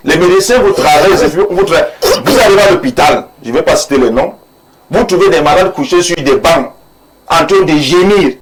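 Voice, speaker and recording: A man's voice: a little high, animated, a little fast, crowd noise, rough recording. A man, an imam speaking earnestly and preachily in a studio debate, repeating phrases for emphasis. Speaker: imam, panel guest.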